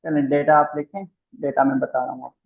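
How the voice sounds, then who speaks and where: A man's voice: medium pitch, fairly even intonation, gravelly. A male tutor patiently dictating figures over a bad connection that keeps cutting out. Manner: patient, repeats numbers slowly. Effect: choppy bad connection, voice cutting out. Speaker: accounting tutor. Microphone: phone or video call. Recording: tinny phone-like call line.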